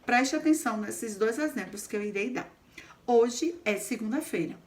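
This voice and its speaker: A woman's voice: fairly high pitch, expressive, normal speed. A woman teaching a grammar lesson, explaining step by step and often checking in with the class. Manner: explains patiently, checks in with frequent "certo?".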